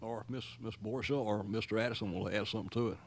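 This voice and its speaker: A man with a fairly low voice talks fast as a county manager going over items at a public board meeting. His delivery is folksy and long-winded, packed with fillers and restarts.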